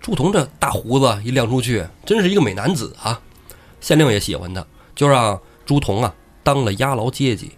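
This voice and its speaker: Lively male storyteller host. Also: mid-range voice, fairly quick. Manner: lively, acts out characters. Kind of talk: casual storytelling.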